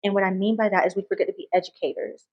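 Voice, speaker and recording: A woman talking casually as a podcast guest and medical professional, expressive and quick to laugh. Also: medium pitch, highs cut off. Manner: animated, laughs often, expressive storytelling.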